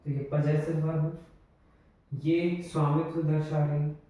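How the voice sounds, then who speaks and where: A man teaching English grammar in a slow, explanatory way, repeating his examples. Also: a little high, level tone, mellow, lo-fi sound. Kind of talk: classroom lesson in Hindi. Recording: very echoey room, voice from far off.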